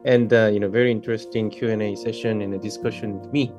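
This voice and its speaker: A man's voice: fairly low pitch, level tone, fast, music in the background. A man moderating a forum panel, thanking a speaker and handing over, with rambling "you know" fillers.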